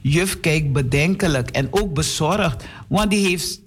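Gentle slow-reading storyteller man. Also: a little high. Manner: gentle, addresses children directly. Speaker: children's storyteller. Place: radio studio.

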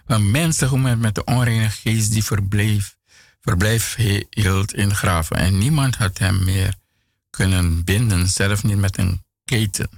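A man with a very low, gravelly and husky voice reads scripture slowly and deliberately. The sound is close and dry, with no room around it. He pauses now and then to add a brief remark of his own. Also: no room sound. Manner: measured, deliberate reading with occasional restarts. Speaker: Bible reader. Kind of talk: reading scripture aloud with brief comments.

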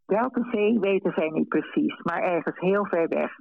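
A man telling a story on the radio in a calm, measured way, in a dull, dry recording. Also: sits high, gravelly, no room sound.

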